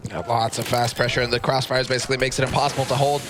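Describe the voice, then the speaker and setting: A man working as an esports caster, calling the play in an excited, rapid-fire commentary. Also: mid-range voice, noisy background.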